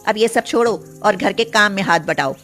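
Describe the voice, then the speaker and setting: A woman's voice: mid-range voice, animated, moderate pace, a bit bright, faint music behind. Casting: woman playing a scornful, commanding rich elder sister, storybook. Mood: bossy. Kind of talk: storybook voice acting.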